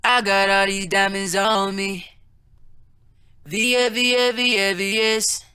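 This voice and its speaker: A man's rapped vocal, run through auto-tune and a pitch shifter into a high, chipmunk-like effect. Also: little pitch movement, slow pace, sharp tone, smooth, no echo, studio quality, faint music behind. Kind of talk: rapped vocal demo over a beat.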